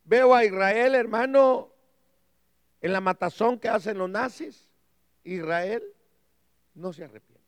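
A male pastor delivers a sermon in a high, gravelly voice that drops into hushed murmurs and rises to shouts. He talks slowly and keeps calling out to his listeners as brothers. The sound is close and dry. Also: no echo. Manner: dramatic preaching, swings from hushed to shouting.

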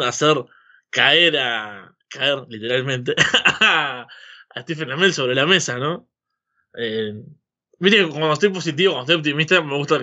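A man's voice: fairly high pitch, sharp tone. A man with a Rioplatense Spanish accent in casual, rambling chat, often tagging his opinions with a question, on a slightly dull microphone. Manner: rambling, seeking agreement with frequent tag questions. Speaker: wrestling podcast host.

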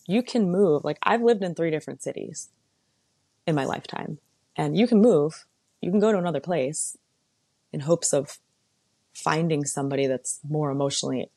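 A woman with a low voice hosts a casual solo talk, candid and conversational with a sarcastic edge. The sound is dry and close, with no room around it. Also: a little mellow, dry recording. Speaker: podcast host. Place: lives in San Diego.

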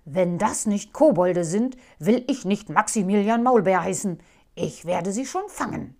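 A woman voicing a proud, blustering middle-aged homeowner in a storybook, given to loud exclamations. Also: medium pitch, very animated, unhurried, exaggerated voice.

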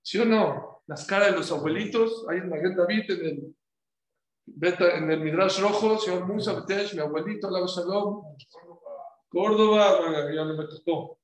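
A man giving a sermon as a rabbi, lively, firing rhetorical questions at his listeners. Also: high voice, normal speed, a little hiss or hum. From Mexico. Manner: animated, rhetorical questions to the audience. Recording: echoey room.

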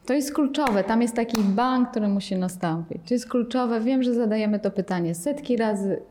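A woman teaching a meditation workshop, her voice sitting a little high but with a soft, mellow color. She explains with lively energy and now and then slips into acted, anxious inner voices to make a point. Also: moderate pace. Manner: animated, acts out panicked inner voices.

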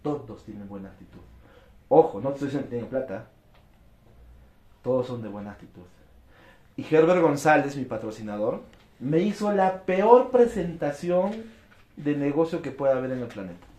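Animated man addressing a room. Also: medium pitch, reverberant. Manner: animated, acts out quick dialogues. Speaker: network marketing speaker. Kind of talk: motivational talk to an audience.

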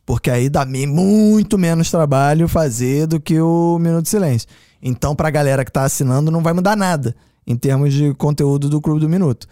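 A man from Rio with a fairly high voice. He hosts a casual podcast, teasing his friends bluntly and swearing freely. The sound is close and dry. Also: fairly quick, mellow, no room sound. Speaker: podcast host. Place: small podcast studio.

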